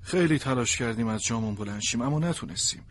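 A man narrates a storybook from a sled dog's point of view, in an expressive, plaintive way. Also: medium pitch.

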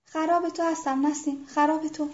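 A devoted young man in love, as a woman reads him aloud from a storybook. The voice is high and mellow, with little rise and fall, and is soft and earnest. The recording sounds dull and lo-fi. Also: flat delivery, close to an everyday voice. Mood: pleading.

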